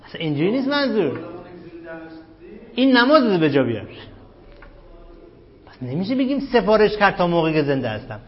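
A man teaching grammar in a classroom lecture, quizzing students with repeated questions and slowly repeating key terms. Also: high voice, big pitch swings. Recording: dull lo-fi recording.

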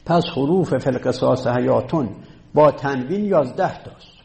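A man's voice: mid-range voice, gravelly, darkish tone. A man teaching a class, explaining step by step and counting items aloud. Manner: takes student questions. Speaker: teacher of Arabic rhetoric. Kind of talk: classroom lecture.

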